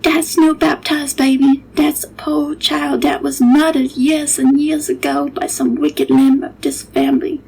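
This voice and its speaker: A frightened old cook who wails her warnings high and slow, as a woman puts her on. The voice sits up high, stretched out and dramatic, heavy with superstition. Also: creaky, darkish tone, a little hiss or hum, poor audio.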